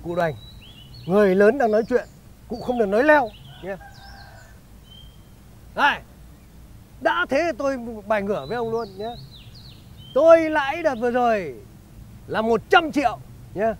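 Comedy sketch: a bossy schemer, high-pitched and animated. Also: male voice, moderate pace, long pauses. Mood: smug. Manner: bossy, ends phrases with a teasing "nhá". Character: crafty, bossy male schemer who hogs money. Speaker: comic actor.

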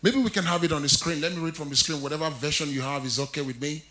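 A man's voice: fairly high pitch, fast talker, pushed and bright. A man preaching a sermon in a church, jovial and laughing often, repeating key phrases with rising emphasis. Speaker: pastor.

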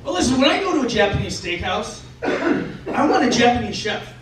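A man from South Dakota doing a stand-up comedy set with animated, self-mocking storytelling on a club stage. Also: extremely high pitch, moderate pace. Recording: echoey club from far off, loud noise.

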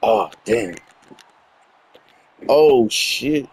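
A man streaming a wrestling video game, reacting with loud exclamations and cursing at the action. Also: mid-range voice, lively intonation, very slow, slightly rough, no room sound, poor audio. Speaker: gaming streamer. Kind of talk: casual gameplay commentary.

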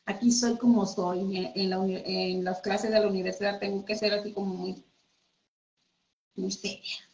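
A woman's voice: medium pitch, level tone, normal speed, long pauses, darkish tone. A woman teaching a casual live craft class from home, chatting with her viewers as friends. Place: home room. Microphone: computer mic. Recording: echoey room, dull audio.

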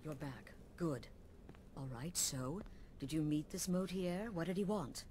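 A woman's voice: low-pitched, a little slow, mellow, slight background noise. An actress voicing a hard-edged female assassin guild leader in a video game, blunt and commanding with a wry edge. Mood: stern. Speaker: game character.

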